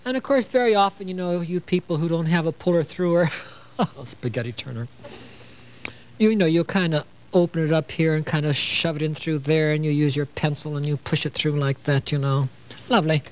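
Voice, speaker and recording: On a television show, an older Illinois man demonstrates sewing in a chatty, playful manner, sprinkling in "you know" and jokes. The studio recording is rough with slight hiss or hum, and his fairly high voice moves at a moderate pace.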